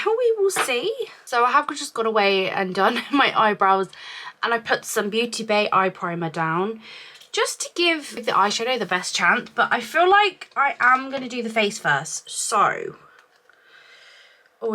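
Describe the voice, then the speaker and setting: Chesty, bright-voiced woman chatting through makeup. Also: on the high side, sing-song, a little slow. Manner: chatty, thinking aloud. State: chesty from a week-long cough. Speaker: beauty vlogger. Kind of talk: casual product review chat to camera.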